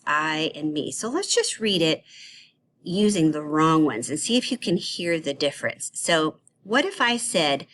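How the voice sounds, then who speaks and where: A woman's voice: fairly low pitch, a bit bright, slight background noise. A woman teaching a grammar lesson to young children, asking playful questions and praising their answers. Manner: slow, encouraging, sing-song questions to young kids.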